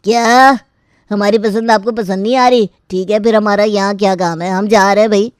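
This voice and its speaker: A woman's voice: mid-range voice, steady tone, normal speed, smooth, no echo, clean studio sound, close to an everyday voice. A woman voicing a grumpy, demanding, middle-aged uncle-in-law in a cartoon, huffy and easily offended. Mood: bossy. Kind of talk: cartoon voice acting.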